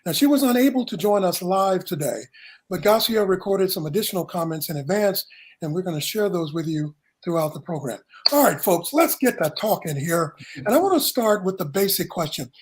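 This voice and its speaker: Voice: mid-range voice, expressive, fairly quick. A moderator hosting a televised panel discussion in a polished, welcoming way. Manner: polished, welcoming host patter.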